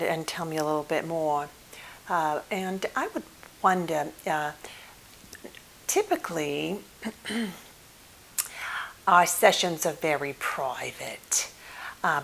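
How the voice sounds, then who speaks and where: A woman with a voice on the low side acts out an improvised ASMR scene as a gentle, patient, attentive psychotherapist who is a little flustered. She speaks haltingly and politely, murmuring acknowledgements, while a clear hiss runs beneath the recording.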